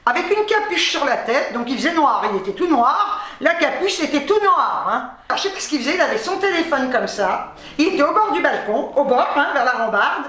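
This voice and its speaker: A woman vlogger chatting casually to camera, swearing freely as she tells animated stories. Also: high voice, a little fast, reverberant.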